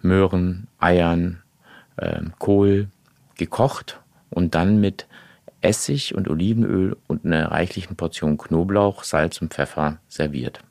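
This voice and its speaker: A man from Portugal, a guest on a podcast, explaining things at length in a relaxed way. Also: low voice, slow, gravelly, dry recording, clean studio sound. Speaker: podcast guest, magazine editor-in-chief. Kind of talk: casual podcast interview.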